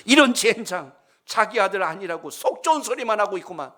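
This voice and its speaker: A man acting out a furious father who shouts and accuses, his voice full of tearful anger. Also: sits high, expressive, a little fast, voice pushed up. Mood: furious shouting. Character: furious frantic father of an injured boy.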